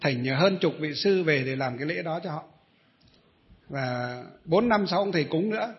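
High-voiced monk telling a story. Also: male voice, lively intonation, normal speed. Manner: rambling storyteller, many hesitations, addresses listeners. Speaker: Buddhist monk. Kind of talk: storytelling dharma talk. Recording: dull lo-fi recording.

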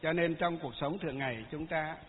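A Buddhist monk gives a chatty Dharma talk, his voice pitched high for a man. The sound is thin and phone-like, carried in a hall with a long echo. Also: brisk, a little hiss or hum. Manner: folksy, chatty storytelling with frequent fillers.

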